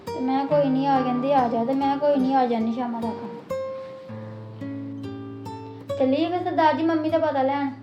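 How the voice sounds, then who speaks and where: A woman's voice: high-pitched, fairly even intonation, fast talker, highs cut off, over music, natural voice. A woman playing a young daughter-in-law in a Punjabi family drama, pleading and defensive with her mother-in-law. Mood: plain.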